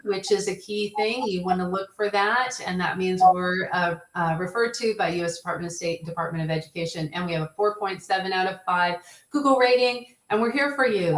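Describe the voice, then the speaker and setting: A woman with a mid-range voice speaks as a webinar guest, friendly and reassuring in a sales kind of way. Her voice rings in a roomy echo on a video call. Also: medium pitch. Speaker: strategic accounts manager.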